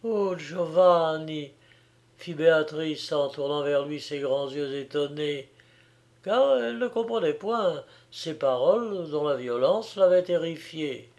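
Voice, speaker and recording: A man narrating a literary audiobook in a measured, unhurried reading. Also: fairly high pitch, gravelly, darkish tone.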